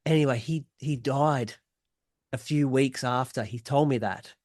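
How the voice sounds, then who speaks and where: A man's voice: medium pitch, a little slow, darkish tone, dry recording, studio quality. A man hosting a podcast, chatting casually and reacting eagerly to his guest. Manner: eager, reacting often with short interjections. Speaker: podcast host. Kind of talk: casual interview chat.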